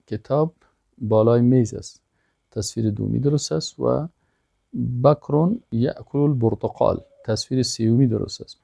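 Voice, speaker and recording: A man's voice: medium pitch, vocal fry, mellow, no echo, studio quality. A man giving a language lesson, reading each word aloud, repeating it and giving its meaning. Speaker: Arabic teacher.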